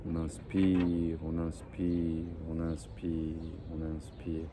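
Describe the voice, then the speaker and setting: A man leading a guided breathing and relaxation meditation in slow, soothing, repetitive phrases, like a relaxation guide. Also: very deep voice, completely flat delivery, music in the background. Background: faint birdsong and ambient noise.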